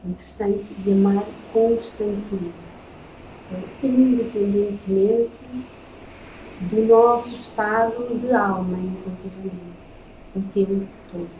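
A woman with a European Portuguese accent giving a spiritist lecture, reading from slides in slow, measured phrases with solemn pauses. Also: medium pitch, steady tone. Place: lecture room in front of a projected slide. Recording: echoey room, faint noise.

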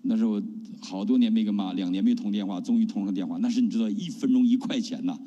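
A middle-aged man from China, a pastor giving an animated testimony sermon and often asking the congregation questions. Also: on the low side, fast, slightly rough, muffled recording. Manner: animated preaching with rhetorical questions. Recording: long hall reverb.

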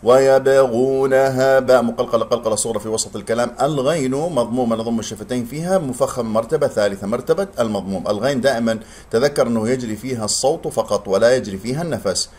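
A man teaching tajweed. He explains pronunciation rules quickly, then recites words slowly and drawn out. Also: medium pitch, a little mellow, husky.

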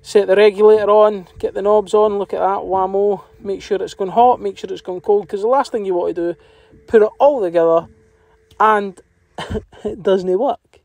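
A Scottish man with a noticeably high voice for a male speaker narrates as a working plumber. He talks informally and colloquially, with a self-deprecating streak, as if explaining a job to viewers. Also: fairly even intonation, normal speed, gravelly, a little mellow, no echo. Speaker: plumber and video host.

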